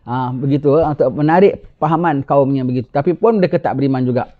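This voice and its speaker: A man teaching a religious class who tells a story in an animated way and keeps asking his listeners "ha?" to draw them in. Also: mid-range voice, fast talker, narrow, tinny audio. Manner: animated, tags lines with rhetorical "ha?". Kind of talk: sermon storytelling.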